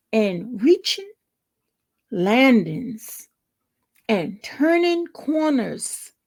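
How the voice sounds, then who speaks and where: A woman gives voice to a tired, determined mother urging her boy onward in an unhurried, earnest poetry reading. The voice sits a touch high with a gravelly grain. Some lines fall away into a whisper. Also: darkish tone, heavily acted. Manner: slow, earnest, partly whispered recital.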